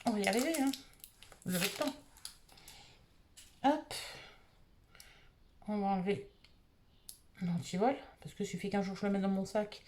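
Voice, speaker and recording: A woman's voice: mid-range voice, moderate pace, pauses often, a little mellow, a little hiss or hum. A married woman from France, casually reviewing beauty products she bought and thinking aloud with lots of fillers. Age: adult, married. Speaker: beauty vlogger.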